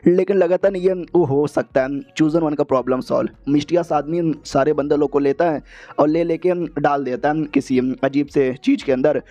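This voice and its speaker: A man's voice: on the high side, moderate pace, mellow. A young man casually narrating a comic story recap in a chatty, slangy way.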